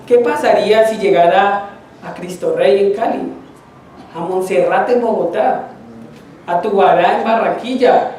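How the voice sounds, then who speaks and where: A middle-aged man with a Colombian accent gives a sermon in a conversational way and keeps putting questions to his listeners. His voice is mellow and a little dark in tone. It was recorded from a distance in a strongly echoing church hall, with a faint hiss behind it. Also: high-pitched. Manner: conversational, asks the congregation questions. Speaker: preacher. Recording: echoey hall, distant mic.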